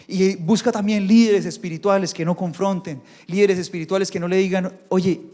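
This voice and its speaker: A male pastor preaches in a church, and his voice sits high for a man. He is animated and acts out the voices he quotes. A long reverb from the hall trails after every phrase. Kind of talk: sermon.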